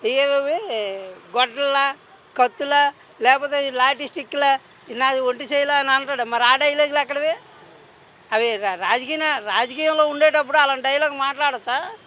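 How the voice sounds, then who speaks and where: A man's voice: very high-pitched, fairly even intonation, moderate pace, bright, forceful tone. A man from the public, arguing heatedly in a street interview. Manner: angry, argumentative, quotes others mockingly.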